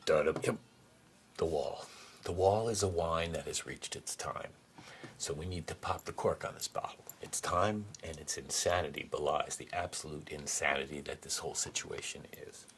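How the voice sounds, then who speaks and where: A man hosting a solo political commentary podcast, sarcastic and profane, firing off mocking rhetorical questions and jumping from muttered asides to sudden high outbursts. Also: fairly bright tone, a little hiss or hum. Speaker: podcast host.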